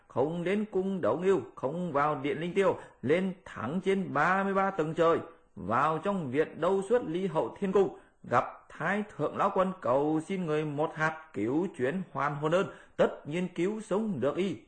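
A man voicing a boastful, mischievous male monkey king with a shrill, bossy, teasing manner in an audiobook. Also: expressive, moderate pace, lightly acted. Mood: pleading. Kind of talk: audiobook character voice.

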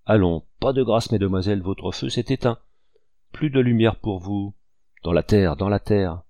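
A mischievous little boy from a storybook, playful and coaxing, read by a man in a lowish, gravelly voice. The sound is dry and close. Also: moderate pace, mellow, no echo, highs cut off, lightly acted. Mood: gleeful taunting. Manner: playful, taunting, breathless pleading. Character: cruel then remorseful little boy.

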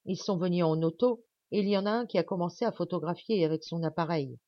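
A woman's voice: on the low side, quick pace, no room sound, muffled recording, lightly acted. A woman voicing a flustered young housemaid with an anxious, breathless delivery.

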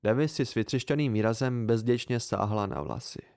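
Male reader, amateur audiobook, steady first-person narration, mid pitch, dry close sound. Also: gravelly, no room sound.

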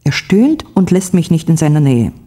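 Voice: medium pitch, big pitch swings, moderate pace, warm tone. A reader voicing a worried young wife who speaks anxiously, in a textbook story reading.

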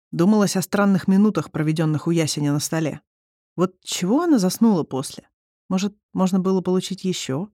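An audiobook narrator reading a novel chapter in an even storytelling manner. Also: mid-range voice, dry recording, clean studio sound. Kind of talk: scripted narration.

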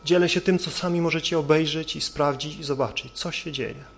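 A man's voice: on the high side, fairly quick, gravelly. A male preacher delivering an earnest sermon, building his points with rhetorical questions.

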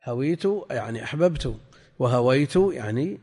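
An older man teaching a classical text lesson, reading passages slowly, repeating and spelling out word forms, and putting questions to his students. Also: mid-range voice, animated, vocal fry, a little mellow, breathy edge. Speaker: sheikh teaching hadith commentary. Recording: lecture hall with long reverb.

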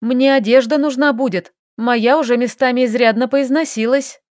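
A woman voicing a stubborn, feisty young heroine who bickers and exclaims in quick, sharp lines, read from an audiobook. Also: high voice, no room sound, studio quality, lightly acted.

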